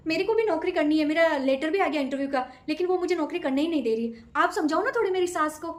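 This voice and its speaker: A young daughter-in-law, acted by a woman in a short comedy skit, polite but persistent as she pleads her case. The voice is high for a woman and echoes off the room around her. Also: fast talker, natural voice. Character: young educated daughter-in-law wanting a job.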